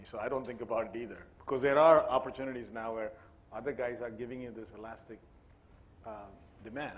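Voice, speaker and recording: A man's voice: mid-range voice, a little hiss or hum. A man on a conference panel, talking in a loose, conversational way with frequent restarts. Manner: conversational, many restarts and "you know". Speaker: panelist CIO. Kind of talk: panel discussion.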